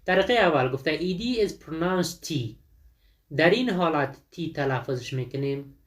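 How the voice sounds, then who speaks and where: A man teaching an English textbook lesson with a Dari accent. He reads English examples slowly and explains them in quick speech, often asking and answering his own questions. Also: on the high side, expressive.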